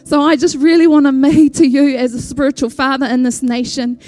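A high-voiced woman with a Māori New Zealand accent speaks over music at a church gathering. Her tribute is heartfelt and informal, with hesitations and Māori words dropped into the English. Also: flat delivery, a little fast, a little mellow, dry recording. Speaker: church member introducing an honoured elder. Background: music behind the voice.

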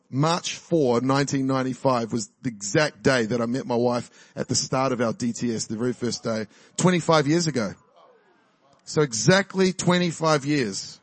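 The recording is dry, and the man's voice sits at a medium pitch. A New Zealander in his forties, he's a guest preacher offering a chatty, exuberant sermon and personal testimony in a church, laughing frequently and rallying the crowd.

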